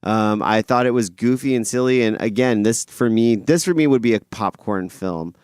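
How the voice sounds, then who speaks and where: A man's voice: lowish voice, moderate pace, a little mellow, clear, resonant tone, no echo, clean studio sound. A man co-hosting a film podcast, easygoing and rambling as he gives his opinion. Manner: easygoing, rambling, hesitant with fillers. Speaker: podcast co-host. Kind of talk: casual film review chat.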